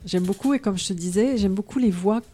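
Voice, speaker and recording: A woman on a casual radio show speaks in a mellow, rounded tone. She talks with a guest in an easy, friendly way and laughs often. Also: mid-range voice, fairly quick, breathy edge. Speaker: radio co-host.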